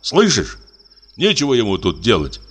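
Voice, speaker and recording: A man's voice: medium pitch, huge pitch swings, moderate pace, a bit bright. A man voicing a drowsy, grumbling assistant prosecutor who brushes off his wife's fears. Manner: drowsy, grumpy and dismissive. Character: sleepy, grumbling male assistant prosecutor, middle-aged.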